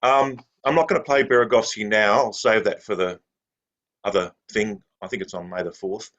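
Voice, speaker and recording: A man from Australia, a fiddler, introducing a tune in a relaxed, rambling way with lots of ums on a video call. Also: fairly low pitch, normal speed, dull audio. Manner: rambling, hesitant, many fillers. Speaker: klezmer fiddler.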